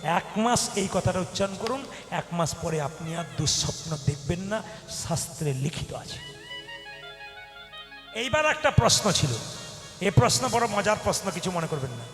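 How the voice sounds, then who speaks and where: High voiced guy giving a kirtan sermon, animated, pushes it loud, echoey hall. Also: moderate pace, long pauses. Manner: animated, exhorting, rising to loud exclamations. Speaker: kirtan preacher. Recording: echoey hall with faint music.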